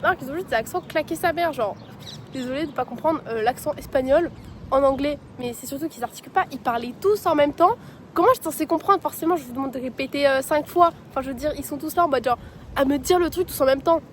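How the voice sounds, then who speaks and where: A woman's voice: high voice, fast, a little hiss or hum. A woman in her twenties, a student, chatting bluntly and casually in a vlog with lots of slang. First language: French. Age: 20s. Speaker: student vlogger.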